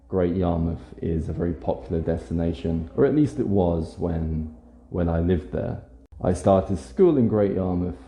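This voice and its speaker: A man's voice: low-pitched, vocal fry, warm tone. A young man from Scotland with a generic British accent, an English teacher talking casually about himself for learners, with fillers and a rambling storytelling manner. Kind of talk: casual monologue for language learners. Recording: echoey room.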